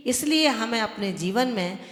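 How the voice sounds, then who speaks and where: A woman's voice: on the high side, animated, normal speed. A woman, a Jain nun, giving an earnest devotional sermon that exhorts listeners and explains with everyday examples. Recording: echoey hall with long reverb.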